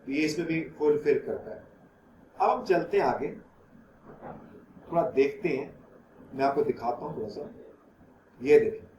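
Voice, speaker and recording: A man lecturing a math class, explaining each step patiently and stopping to ask if the students follow. His voice sits high. The recording has a roomy echo and a faint hiss behind it. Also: dark tone. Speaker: math teacher.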